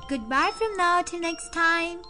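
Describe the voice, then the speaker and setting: Slow high-voiced woman storyteller. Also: bright, forceful tone, faint music behind. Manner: slow, moralizing. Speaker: children's storyteller. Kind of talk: storybook narration for children.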